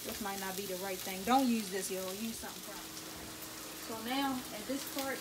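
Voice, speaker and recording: A woman's voice: mid-range voice, fairly quick. A young woman chatting through a cooking tutorial in her home kitchen, calling viewers "y'all", on a camera mic by the stove. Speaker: cooking vlogger. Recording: loud sizzling kitchen noise. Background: sizzling frying food.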